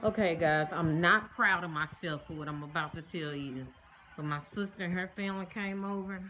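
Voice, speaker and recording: Casting: mom vlogger, female, lower register, folksy and chatty, recorded at home with clear background noise. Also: moderate pace, bright, forceful tone. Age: adult, mother of children. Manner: folksy, addresses viewers as y'all and guys. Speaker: family vlogger. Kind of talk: casual chatty vlog to viewers. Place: at home, indoors.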